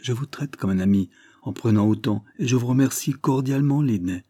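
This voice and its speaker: A man's voice: mid-range voice, brisk, dark tone, no echo, clean studio sound, close to an everyday voice. A man voicing a proud, touchy young man who bitterly refuses help in an audiobook. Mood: firm.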